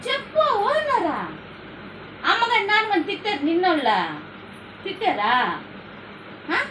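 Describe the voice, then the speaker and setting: A middle-aged woman with a Nellore Telugu accent coos and chatters at home in a very high voice. She speaks in doting baby talk, caught from a distance in an echoey room with steady background noise. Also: normal speed. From Andhra Pradesh, India. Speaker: vlogger. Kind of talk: casual family vlog chat.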